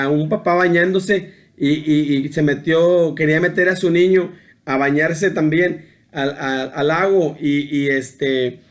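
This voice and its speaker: A middle-aged man preaches an informal sermon in a somewhat high voice. He talks loosely, stumbling over words and restarting. He keeps tagging his sentences with a question to the listener. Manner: keeps adding a questioning tag, with hesitant restarts. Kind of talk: informal sermon on a Bible passage.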